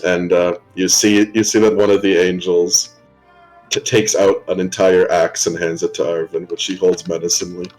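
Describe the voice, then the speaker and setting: Casting: deep-voiced male game master, casual, stumbling restarts, faint music underneath. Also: flat delivery, moderate pace, a little mellow, low-quality recording. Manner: casual, stammering restarts, laughs often. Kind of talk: narrating a tabletop role-play game. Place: home room, live stream.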